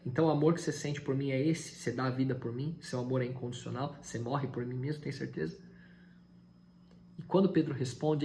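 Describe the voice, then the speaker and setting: A pastor preaching a Sunday sermon, retelling Bible dialogue with voices and building to loud, high peaks. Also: male voice, a little hiss or hum.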